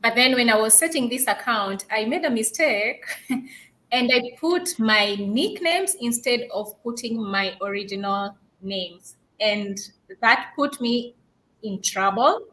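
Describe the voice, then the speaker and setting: A woman's voice: on the high side, lively intonation, takes it slowly, sharp tone. A woman from Kenya, earnestly telling a personal story on a video call. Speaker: digital business owner. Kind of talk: casual storytelling.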